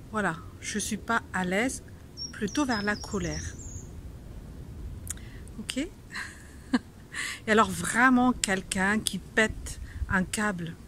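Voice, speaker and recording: A woman's voice: fairly high pitch, a bit bright, slight background noise. A woman teaching a casual video language lesson, playful, laughing often and pretending to be angry.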